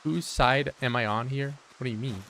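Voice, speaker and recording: A man's voice: medium pitch, moderate pace, sharp tone, slight background noise. A man giving casual live-stream commentary while he plays, joking dryly and answering his chat aloud. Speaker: game streamer.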